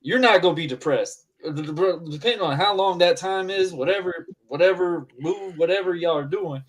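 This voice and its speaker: A man's voice: high voice, a little fast, poor audio. A man talking emphatically and laughing in casual podcast chat.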